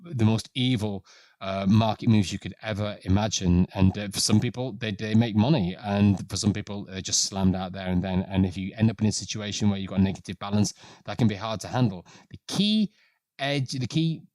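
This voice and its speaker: Low-voiced man hosting a trading stream. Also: a little fast, darkish tone, no room sound. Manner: reads dramatic passages with rising pitch and force, then comments plainly. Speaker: host of a trading firm's live stream. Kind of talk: live stream commentary, reading viewer stories aloud.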